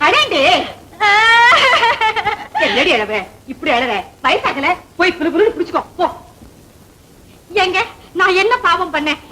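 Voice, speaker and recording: An actress playing a meddling, quick-tongued woman who scolds and carries on dramatically in an old Tamil film comedy. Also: very high-pitched. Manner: scolding, theatrical. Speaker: film character, meddling neighbour.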